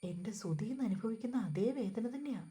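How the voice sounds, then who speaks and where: A woman reading the part of a calm, vengeful young man who speaks in a controlled, cutting way. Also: medium pitch, brisk, lightly acted. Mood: coldly mocking.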